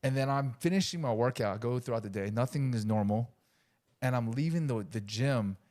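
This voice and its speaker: A man's voice: medium pitch, fairly quick. Easygoing man telling a gym story. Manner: animated, acts out quotes. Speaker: podcast co-host. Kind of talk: casual chat, storytelling.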